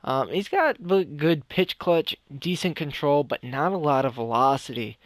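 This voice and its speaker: Slightly breathless, a young man runs casual, rambling commentary on a video game for his YouTube channel, often starting sentences over and correcting himself. His expressive, high-leaning voice moves at a moderate pace in a studio-quality recording with no echo.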